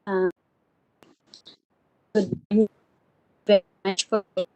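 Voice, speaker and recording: A woman doctor speaking over a video call whose audio is choppy and keeps breaking up, so her halting words come through in fragments. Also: medium pitch, flat delivery, warm tone, no room sound. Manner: halting, stop-start speech. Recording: faint hiss, distant video call line.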